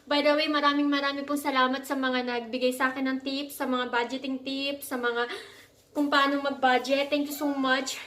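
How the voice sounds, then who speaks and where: A woman from the Philippines talks in a chatty, casual vlog voice that sits high. She sometimes coaxes a child in a gentle mommy tone. The room sounds echoey, with faint background noise. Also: little pitch movement, normal speed. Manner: chatty, switching to a coaxing mommy tone with her child. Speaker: vlogger and mother. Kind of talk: casual home vlog chat. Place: indoors at home, bedroom.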